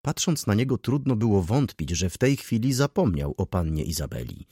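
Male audiobook narrator, low voice, lively intonation, dry close sound. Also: moderate pace, slightly rough, no echo. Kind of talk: scripted narration.

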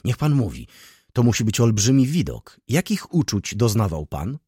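A man voicing an impetuous young scientist who presses with excited questions in an audiobook. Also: fairly low pitch, normal speed, husky, no room sound, studio quality. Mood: eager.

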